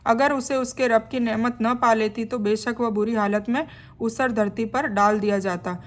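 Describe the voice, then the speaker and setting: Woman, fairly high voice, steady teaching read of a scripture translation with plain-spoken explanation. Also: moderate pace. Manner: reads a passage, then explains it in plain conversational words; adds friendly check-ins to the listener. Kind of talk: reading a scripture translation with commentary.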